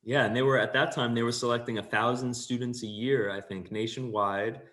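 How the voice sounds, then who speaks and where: Guy hosting an interview, upbeat and friendly, pretty average pitch. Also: fairly even intonation, a little fast, a bit bright. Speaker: host.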